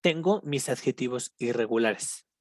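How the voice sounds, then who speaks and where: A teacher with a Mexican accent, patiently explaining English grammar in a recorded lesson, slowing down for each English example and checking in with the students. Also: mid-range voice, no room sound, clean studio sound. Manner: switches between Spanish and slow English examples.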